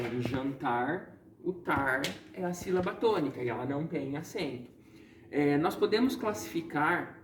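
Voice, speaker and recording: A man with a slightly high voice teaches a recorded online lesson, explaining patiently and checking in with students often with words like "certo?" and "tá?". He sounds distant in an echoey room, with a little hiss or hum.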